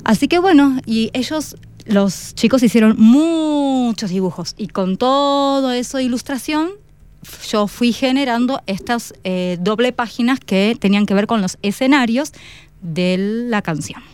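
A woman, a teacher and book designer, talking as a guest in a radio interview, pausing often to find her words. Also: on the high side, a little mellow, clear, resonant tone. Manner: thoughtful, searching for words with pauses.

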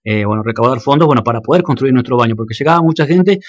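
A man's voice: medium pitch, expressive, very fast, no room sound, dull audio. A man from Argentina with an Argentine accent, a local radio announcer telling stories in a casual interview, hesitant and full of fillers. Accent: Argentine Spanish. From Argentina, Jacobacci. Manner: hesitant, many fillers and restarts.

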